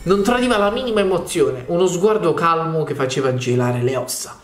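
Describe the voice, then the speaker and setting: A reader voicing a young man in a horror chat story, reading his messages aloud in a flat, plain way. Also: fairly high pitch, brisk, roomy sound, slight background noise, natural voice. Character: young man telling of his troubled brother.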